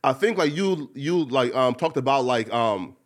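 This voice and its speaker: A man's voice: mid-range voice, expressive, normal speed. A man interviewing in a casual, slangy, hyped-up bro style, peppering his talk with bro, like and right. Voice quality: slang-heavy speech.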